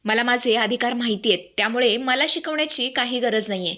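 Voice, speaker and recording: A woman's voice: fairly high pitch, fairly quick, sharp tone. A woman voicing an arrogant, defiant young wife in a family drama retelling, talking haughtily. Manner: haughty, rude.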